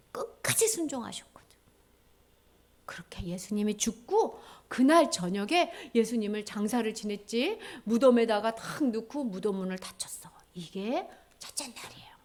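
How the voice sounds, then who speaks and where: Animated woman junior pastor telling a story. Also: medium pitch. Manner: animated, acts out voices of the characters. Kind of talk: children's storytelling sermon.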